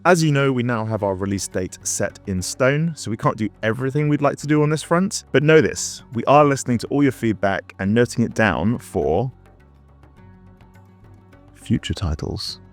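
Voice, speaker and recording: A man's voice: mid-range voice, expressive, moderate pace. A man presenting as a game developer in scripted promotional narration, with wry, playful asides. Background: background music.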